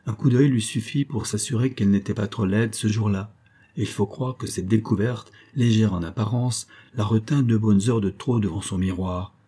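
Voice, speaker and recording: A man reading a classic story aloud as a narrator, in measured, even storytelling. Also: on the low side, slightly rough. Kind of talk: scripted audiobook narration.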